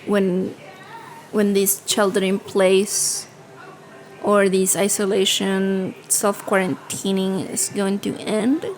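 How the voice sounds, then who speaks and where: A woman co-hosting a podcast conversation, speaking in an unhurried, thoughtful way with trailing fillers. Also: medium pitch, a little hiss or hum, poor audio. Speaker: podcast co-host. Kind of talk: casual conversation. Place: home studio.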